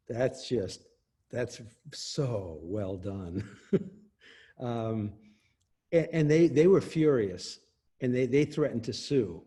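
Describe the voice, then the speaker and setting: A man's voice: mid-range voice, expressive, extremely slow, pauses often, mellow, slightly rough. A man speaking as an interview guest, explaining copyright law in an emphatic way and laughing often. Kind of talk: explanatory casual talk.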